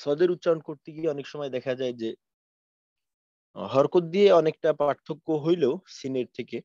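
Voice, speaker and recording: A man teaching Quran recitation in an online class, explaining patiently and slowly stretching out sample verses. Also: on the high side, warm tone, no room sound. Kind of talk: online tajweed lesson. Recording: dry, muffled lo-fi audio.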